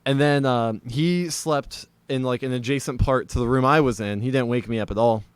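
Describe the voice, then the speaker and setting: A man co-hosting a podcast, telling a story in casual chat with animated, laughing delivery. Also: mid-range voice, moderate pace, smooth, dry recording. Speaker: podcast co-host.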